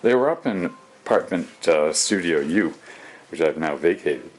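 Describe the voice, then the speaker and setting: A cooking vlogger talks to himself in his kitchen while he cooks and tidies, casual and distracted. His low-pitched voice is expressive and moves at normal speed, captured in a rough recording.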